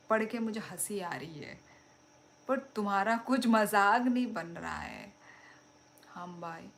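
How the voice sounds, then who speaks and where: A woman's voice: mid-range voice, slight background noise. A young woman hosting a casual live stream, chatting and laughing as she reads out and answers viewer comments. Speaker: livestream host.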